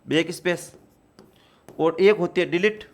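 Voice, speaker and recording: A man's voice: sits high, a little slow. A man teaching a computer exam-prep class, explaining step by step and repeating key points to his students.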